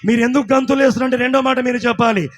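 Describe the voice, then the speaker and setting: A man preaching in call-and-response, leading the congregation to repeat lines. He swings from shouted peaks to quiet asides. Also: very high-pitched, steady tone, very fast. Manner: repeats lines for the crowd to echo. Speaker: pastor.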